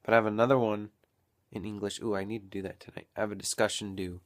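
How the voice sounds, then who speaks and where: A young man vlogging casually at home, rambling and thinking out loud into a built-in camera mic. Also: on the low side, flat delivery, fast. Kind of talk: casual daily vlog.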